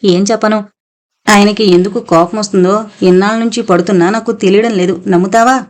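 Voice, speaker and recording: A woman's voice: mid-range voice, steady tone, fast talker, natural voice. Audiobook part: a broken, tearful wife telling of her hardship, read by a woman narrator. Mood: despairing. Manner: weary, tearful. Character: beaten, despairing housewife.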